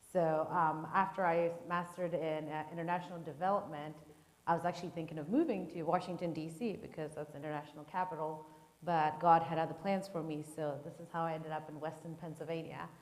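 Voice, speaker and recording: A woman's voice: low voice, little pitch movement, a little fast. A woman, giving a friendly guest talk at a church and asking the audience questions. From Zimbabwe. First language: Shona. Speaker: guest speaker. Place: church hall. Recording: echoey church hall.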